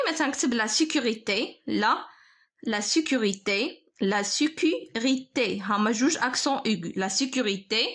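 A woman with a Moroccan Arabic accent teaching a spelling lesson, slowly and carefully dictating words for pupils to copy. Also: on the high side, a bit bright. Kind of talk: French spelling lesson explained in Darija.

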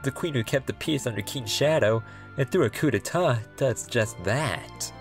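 A man's voice: mid-range voice, moderate pace, soft background music, close to an everyday voice. A man voicing an easygoing adult hedgehog king, casual and reassuring, in a comic dub. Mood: fond. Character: easygoing hedgehog king, adult male hero, fond husband.

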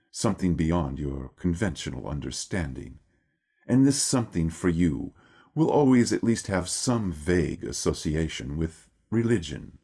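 A man voicing Lucifer, a lofty male devil figure, through an electronic filter that makes his voice deep, speaking in a formal, measured, wry lecturing tone. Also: mellow, breathy edge, heavily acted. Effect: electronically altered deep voice. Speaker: video producer. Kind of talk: scripted monologue.

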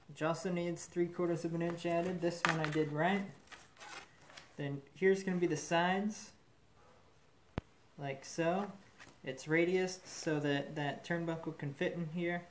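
A man in a metal fabrication shop, talking through a build in a relaxed way and thinking aloud with fillers, recorded on the camera mic from above the bench. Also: a little high, unhurried, background noise. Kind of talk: casual shop demonstration. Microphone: camera mic, speaker off-frame above the bench.

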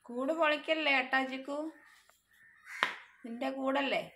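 A woman's voice: high voice, fairly even intonation, measured pace, pushed and bright, slight background noise. A woman talking soothing baby talk to her crying puppy, coaxing and repeating herself. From Kerala, India. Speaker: dog owner vlogger.

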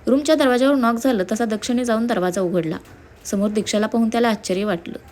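A woman's voice: fairly high pitch, steady tone, quick pace, darkish tone. Woman reading a story aloud. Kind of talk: scripted story narration.

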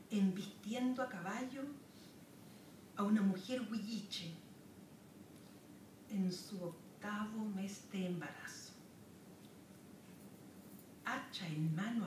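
Her voice is medium in pitch and sounds remote, recorded by a camera at the far end of a wood-paneled lecture hall where echo and hiss are clearly heard. This southern Chilean poet reads from a podium, going line by line very slowly, stopping between each, and speaking some asides.

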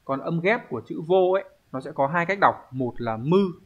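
A man teaching an online language lesson, explaining step by step at an unhurried pace and thinking aloud with pauses. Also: a little high, animated, lo-fi sound. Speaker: Japanese teacher.

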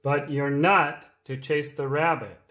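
A man reading as a calm, firm boat owner. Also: a little high, roomy sound, pitched below the performer's own voice. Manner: slow, measured, setting gentle rules.

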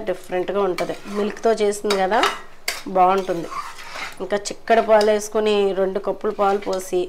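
A woman's voice: mid-range voice, a little mellow, slight background noise. Chatty woman narrating home cooking. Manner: chatty, politely addressing viewers. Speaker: cooking vlogger. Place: home kitchen.

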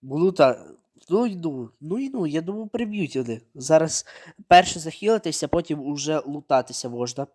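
A man giving running gameplay commentary, narrating his own moves, repeating words and breaking into sudden excited outbursts. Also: a little high, brisk. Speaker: mobile game streamer.

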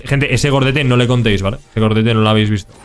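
Talking fast in a steady, mid-range voice, this young Spanish streamer from Spain narrates his gameplay and banters with chat in slang. The tone is clean, and soft background music plays.

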